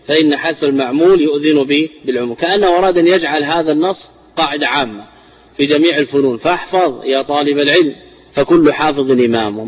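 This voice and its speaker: A man teaching a classical text on inheritance shares, explaining slowly and repeating words for emphasis. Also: fairly high pitch. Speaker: teacher of Islamic inheritance law. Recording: dull lo-fi recording.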